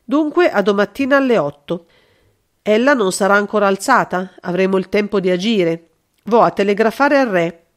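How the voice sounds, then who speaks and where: A woman reading a calm, clever male detective in an audiobook, measured and explanatory. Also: mid-range voice, natural voice. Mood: explaining.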